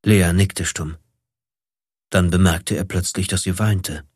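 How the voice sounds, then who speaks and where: A man narrating a novel chapter in an expressive, dramatic audiobook style. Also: sits low, a little slow, breathy edge, no room sound, studio quality. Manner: dramatic, varied delivery.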